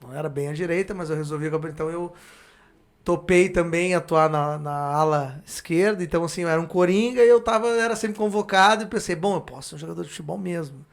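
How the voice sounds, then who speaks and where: Slightly high voiced guy from porto alegre, southern brazil accent, podcast guest, chats haltingly. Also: gravelly. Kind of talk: casual chat.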